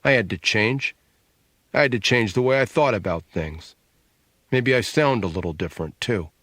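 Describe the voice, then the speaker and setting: A man voicing an earnest, quietly pious younger brother who speaks in a subdued, solemn way, in an audiobook. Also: on the low side, moderate pace, dry recording, studio quality.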